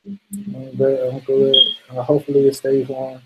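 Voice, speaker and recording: A man's voice: mid-range voice, level tone, measured pace, dark tone, a little hiss or hum, rough recording. A man hosting a casual late-night livestream, laid-back and laughing often as he reads out viewer comments. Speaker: livestream host.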